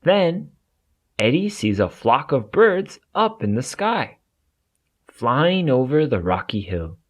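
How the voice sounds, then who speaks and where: A man reads a children's storybook aloud, narrating expressively for young listeners. His voice is medium-pitched and his pace is slow.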